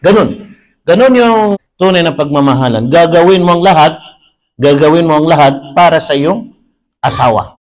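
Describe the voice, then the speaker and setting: A man with a fairly high voice delivers a religious sermon as a preacher. He explains his points patiently and repeats them. He recites Arabic verses at a slow, chanting pace. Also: lively intonation.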